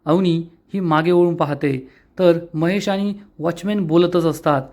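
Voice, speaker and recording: A man's voice: a little high, steady tone, measured pace, darkish tone. A man narrating a recap of a TV serial episode, retelling the story with quoted dialogue.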